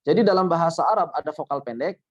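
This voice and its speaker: A man's voice: on the high side, animated, fast, lo-fi sound. A man teaching Quran recitation in an online workshop, patiently explaining with repeated examples.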